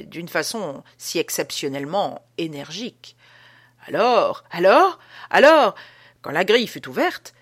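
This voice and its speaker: A woman reading an audiobook as an old male prison guard telling an uncanny tale, with a dramatic, hushed delivery. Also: deep voice, slightly rough, heavily acted. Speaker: audiobook reader.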